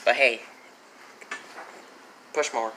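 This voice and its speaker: A teenage boy showing off mowers in a casual vlog, rambling and correcting himself, getting excited as he goes. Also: medium pitch, extremely slow, background noise. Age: teens. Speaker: small engine vlogger. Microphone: handheld phone.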